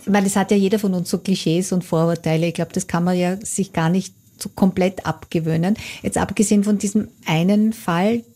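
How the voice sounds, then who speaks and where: A woman's voice: mid-range voice, dark tone. A woman interviewing a guest, asking long careful questions attentively.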